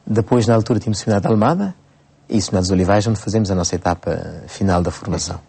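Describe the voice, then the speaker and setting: Mellow-voiced priest from Cape Verde, hesitant. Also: male voice, sits low, vocal fry, slightly rough. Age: 40s. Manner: unhurried, frequent hesitations and restarts. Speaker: priest, bishop-elect. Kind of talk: radio interview answers.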